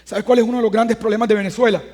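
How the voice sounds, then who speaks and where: A man in his thirties delivers a sermon with a strikingly high-pitched voice. He moves from a chatty, storytelling tone into loud, emphatic stretches. The sound rings with the long reverb of a big hall. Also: fairly even intonation, racing. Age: 30s. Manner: conversational preaching that swells into loud emphatic passages. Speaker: pastor.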